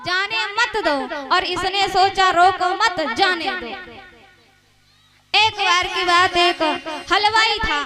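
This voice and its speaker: A woman telling a devotional story in a slow, storytelling discourse, sometimes singing verses. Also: extremely high pitch. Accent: Hindi. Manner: slow, storytelling, breaks into sung chaupai. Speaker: kathavachak, religious storyteller. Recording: loud music behind the voice.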